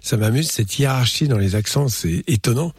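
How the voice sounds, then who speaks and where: A man's voice: medium pitch, expressive, moderate pace, darkish tone, husky, dry recording, studio quality. A man co-hosting a call-in show, thoughtfully musing and explaining at length. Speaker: resident doctor co-host. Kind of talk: casual on-air chat.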